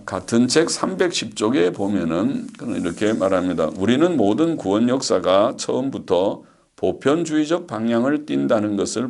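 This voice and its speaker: Gravelly-voiced Korean pastor lecturing. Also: male voice, lowish voice, a little mellow. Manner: deliberate, frequent "예" fillers, reads passages then explains. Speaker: pastor teaching theology. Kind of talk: theology lecture, reading quotes and commenting.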